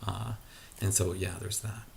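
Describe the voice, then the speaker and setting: Low gravelly man rambling in a garage. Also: flat delivery, a little slow, a little mellow, a little hiss or hum. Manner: hesitant, many fillers and restarts. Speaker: vlogger. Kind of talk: casual rambling monologue. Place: garage at home.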